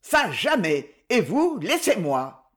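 A woman's voice: medium pitch, very animated, slow. A woman reading the part of a spoiled, arrogant teenage boy, defiant and whiny. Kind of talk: audiobook novel reading.

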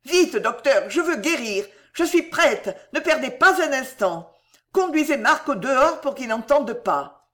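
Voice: high voice, a little slow, fairly bright tone, pitched above the performer's own voice. A reader voicing a dying servant mother, speaking in a raised, fervent, quavering way. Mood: overjoyed. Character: dying mother, a servant woman, feverish and tender.

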